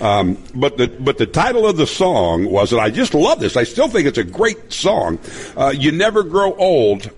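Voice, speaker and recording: A man's voice: mid-range voice, wildly swooping pitch, moderate pace, husky. A man in his seventies from Nebraska, a broadcaster telling rambling stories and laughing often in a casual chat. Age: 70s. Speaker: guest broadcaster.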